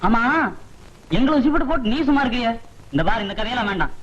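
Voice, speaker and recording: A man's voice: very high-pitched, expressive, quick pace, fairly bright tone, highs cut off, full character voice. An actor playing a pushy young man who teases and eggs on his friend in a film comedy. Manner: pushy, teasing. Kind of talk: Tamil film comedy acting.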